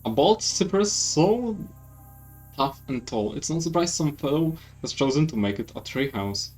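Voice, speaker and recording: A Polish-accented man reads game text aloud for a let's play, his voice fairly high and very lively. He trips over words now and then and corrects himself. Quiet game music runs in the background. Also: moderate pace. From Poland. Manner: reads with stumbles and self-corrections. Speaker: gaming YouTuber. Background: faint game music.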